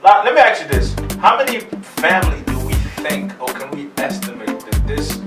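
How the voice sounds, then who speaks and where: A man joins a casual talk show as a guest, joking and laughing through his points. His voice is slightly high for a man and sounds distant in a roomy space, with faint music behind. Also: moderate pace. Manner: joking, laughs while talking, animated. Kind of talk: casual debate chat.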